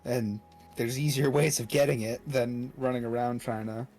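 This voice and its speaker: A man's voice: medium pitch, fairly even intonation, normal speed, over music. A man casually chatting and teasing while streaming a video game, in a playful, mock-indignant manner.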